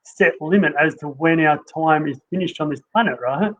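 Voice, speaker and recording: A man's voice: on the high side, moderate pace, fairly bright tone. A man hosting an interview who agrees readily and muses aloud, often checking in with "right?". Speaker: interview host. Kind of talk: conversational interview. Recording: dull lo-fi sound with faint noise.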